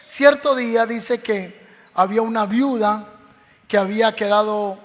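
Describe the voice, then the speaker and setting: A man's voice: high-pitched, steady tone, unhurried. A man with a Medellín Colombian accent, a pastor telling a Bible story in a sermon and acting out its voices. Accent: Colombian Spanish, Medellín. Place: church hall. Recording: long reverb of a church hall.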